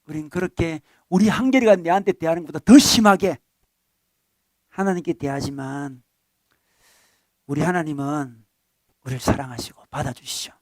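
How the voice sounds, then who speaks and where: Man, pastor, sermon, conversational, rhetorical questions, higher pitched voice, dry sound. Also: normal speed, long pauses, no echo.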